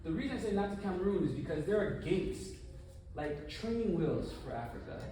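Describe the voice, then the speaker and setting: A man gives a conference talk in an animated, conversational way, often asking the audience questions. His voice sits a bit high. The sound is distant and very echoey, with faint noise in the background. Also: a little fast. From United States. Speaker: conference speaker. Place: conference hall. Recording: echoey room, from far off.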